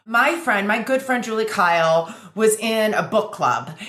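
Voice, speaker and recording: A woman's voice: medium pitch, expressive, measured pace, a bit bright. A woman hosting a podcast, chatty and upbeat, rambling a little with restarts as she talks. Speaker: podcast host. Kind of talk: casual podcast chat. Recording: roomy echo.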